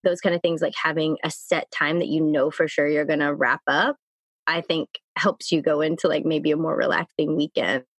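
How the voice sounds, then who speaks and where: A woman's voice: low-pitched, steady tone, normal speed, slightly rough, no echo. Upbeat chatty lady doing advice vlogger type tips, casual, dry recording no room sound. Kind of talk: casual chat, giving work tips.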